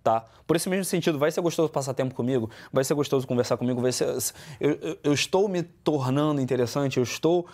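Brazilian male host, mid-pitched, earnest advice-giver. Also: fast, hardly any pauses, a little mellow. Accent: Brazilian Portuguese. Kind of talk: casual podcast chat.

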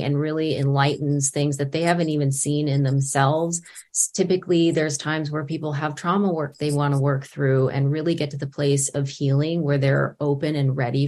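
A woman with a low, calm voice speaks in an interview. She talks earnestly about the work being done with clients.

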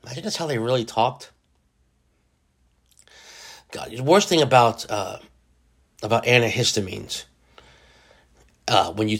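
A man in his forties hosts a solo podcast, rambling and poking fun at himself as he jokes through his thoughts. He speaks at medium pitch with a sharp tone.

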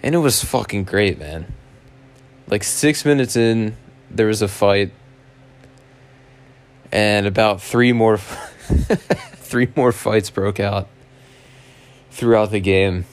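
A man with a raspy, hoarse smoker's voice chatting casually as a solo podcast host, laid-back, slangy and sweary. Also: fairly low pitch, slow pace, pauses often. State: hoarse after a night out.

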